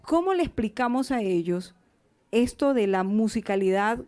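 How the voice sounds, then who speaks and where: A woman's voice: a little high, animated, normal speed, a little mellow, clear, resonant tone. A woman hosting a poetry talk in a café, asking questions with many hesitations. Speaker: host, interviewer. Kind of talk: conversational interview. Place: café event in Cali.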